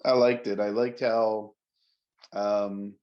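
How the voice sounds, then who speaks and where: A man's voice: on the low side, flat delivery, takes it slowly, highs cut off, a little hiss or hum. Man chatting on a podcast. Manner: chatty, laughs easily, searches for words. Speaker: podcast co-host. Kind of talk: casual chat.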